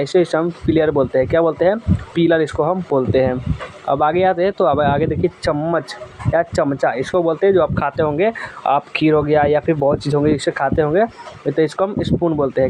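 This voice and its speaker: A man's voice: a little high, darkish tone, slight background noise, poor audio. A man teaching household vocabulary, naming each item and repeating the word back as a question. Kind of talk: vocabulary lesson.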